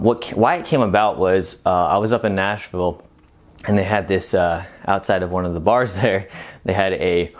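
A man in his thirties with a fairly low voice talks informally to camera in a home gym. His delivery is casual and halting, as someone speaking between bouts of exercise. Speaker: fitness vlogger. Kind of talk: casual chat to camera during a workout. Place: home gym room, indoors.

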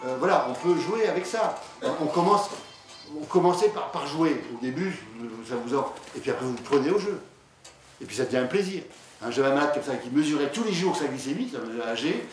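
A man, a diabetologist, giving a conversational conference lecture, hesitant with many fillers and restarts, telling patient anecdotes. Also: mid-range voice. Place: lecture hall. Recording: echoey hall, distant mic, faint noise.

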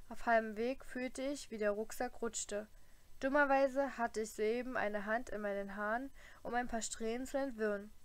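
A woman reading a first-person audiobook, with an expressive, dryly humorous storytelling manner. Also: on the high side. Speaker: audiobook reader.

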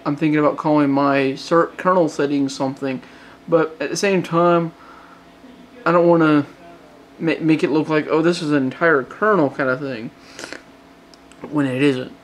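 A man's voice: fairly high pitch, slight background noise. Rambling Southern man, late-night update. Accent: Southern US, Georgia. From Georgia, US. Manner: rambling, frequent restarts and fillers. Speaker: hobbyist phone modder. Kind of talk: casual vlog update.

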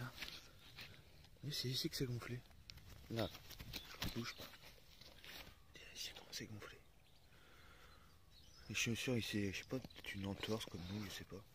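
A man's voice: fairly low pitch, background noise. A man chatting casually in a vlog, swearing freely and cooing at his dogs while filming outdoors on a phone. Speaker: vlogger.

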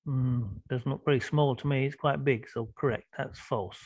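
A man's voice: mid-range voice, fairly even intonation, moderate pace, a little mellow, husky, no echo. A man teaching an online English class, patiently prompting students with questions over a video call.

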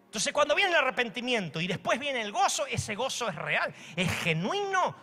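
A pastor with an Argentine accent preaches with theatrical flair, slipping into quick acted exchanges to make his point. His voice sits high for a man, bright and forceful. The delivery is dramatic and animated throughout. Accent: Argentine Spanish. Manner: dramatic preacher acting out dialogues with shifting voices. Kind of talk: sermon.

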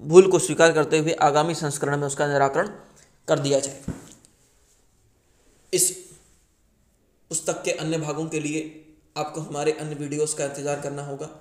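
Man, reading a book preface aloud, earnest, slightly high voice, flat monotone delivery. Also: normal speed, pauses often. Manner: earnest reading with small slips and restarts.

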